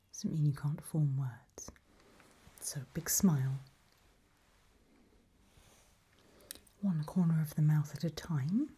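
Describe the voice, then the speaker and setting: A whispered role-play by a woman as an eerie, gentle undead mentor in a creepy audio drama. Her voice is very breathy and low, mellow at the edges. She instructs softly and patiently, with quiet unease underneath. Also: exaggerated voice. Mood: calm, quietly menacing.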